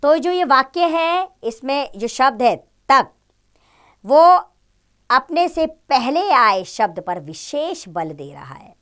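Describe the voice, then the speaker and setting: Lively woman teaching grammar to children. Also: high-pitched, slow pace. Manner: expressive, acts out example exclamations. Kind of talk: Hindi grammar lesson for children.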